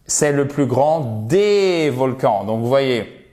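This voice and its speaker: Slow, patient male English teacher. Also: medium pitch, expressive, warm tone. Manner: explains patiently, repeats English words slowly to model stress; switches between English examples and French explanation. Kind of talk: bilingual grammar lesson.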